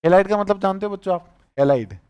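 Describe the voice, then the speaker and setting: A man's voice: high-pitched, animated, fast talker, a little mellow, clean tone. A man with a Rajasthani Hindi accent teaching chemistry, repeating each name and quizzing his students on it. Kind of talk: chemistry class lecture.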